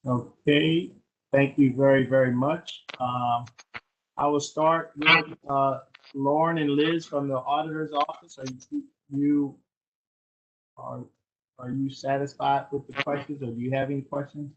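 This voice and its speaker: A man chairing a council budget session, brisk and formal. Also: medium pitch, level tone, muffled recording, a little hiss or hum. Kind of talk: chairing a meeting.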